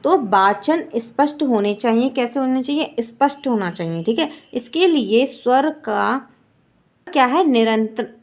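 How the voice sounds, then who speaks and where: A woman's voice: on the high side, expressive, unhurried. A woman teacher giving an online exam-prep lesson, who repeats each point as a question and keeps checking in with "ठीक है". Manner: frequent checking "ठीक है" fillers.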